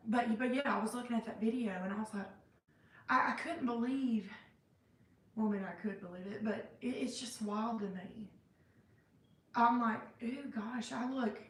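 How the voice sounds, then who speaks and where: A woman vlogging in a casual, reflective way, rambling with many fillers and restarts, in a cold room indoors. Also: medium pitch. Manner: self-described hyper and sentimental. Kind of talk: casual reflective faith-based vlog. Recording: roomy sound, mic at a distance.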